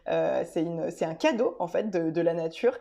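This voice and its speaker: A woman's voice: fairly low pitch, lively intonation, normal speed, vocal fry, dark tone. A woman talking casually to her viewers in a video, explaining things directly, with many hesitations and restarts. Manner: addresses viewers directly and informally. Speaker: vlogger.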